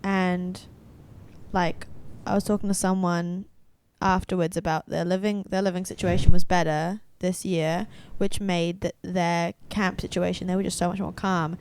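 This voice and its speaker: A young woman co-hosting a podcast, telling animated stories in casual chat, full of "like"s and restarts. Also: on the low side, moderate pace, a little hiss or hum. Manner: chatty, many "like"s and restarts, animated storytelling. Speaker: podcast co-host.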